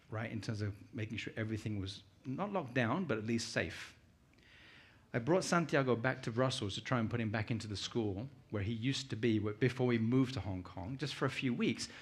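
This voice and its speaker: A Uganda-born man from the United Kingdom, middle-aged with a British accent, talks at a moderate pace in a husky, medium-pitched voice. As a guest speaker at a conference, he presents informally, weaving in personal anecdotes and posing questions to the room.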